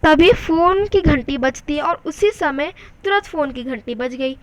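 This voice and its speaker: A woman teacher, slowly reading aloud from a textbook play and explaining each line in simple words. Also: high voice, lively intonation.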